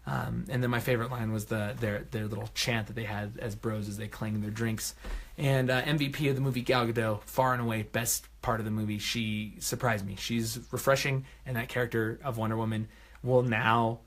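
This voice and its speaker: A man hosting his own vlog, giving a casual spoken movie review from a room at home at night, excitable and effusive, swinging between loud bursts and soft murmurs. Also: mid-range voice, brisk.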